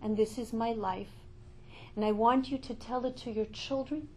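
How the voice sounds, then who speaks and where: A woman's voice: a little high, fairly even intonation, slight background noise, poor audio. Passionate middle-aged woman preaching. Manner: impassioned, swings from loud calls to hushed, slow reflection. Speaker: religious speaker. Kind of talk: inspirational Torah talk.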